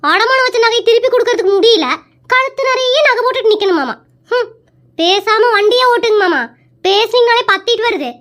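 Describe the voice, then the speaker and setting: Woman in a comedy skit, nags fast and snarky, squeaky high voice. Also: lively intonation, fairly bright tone. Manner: nagging, sarcastic complaining. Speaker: comic sketch actor playing a wife. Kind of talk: comedy sketch dialogue.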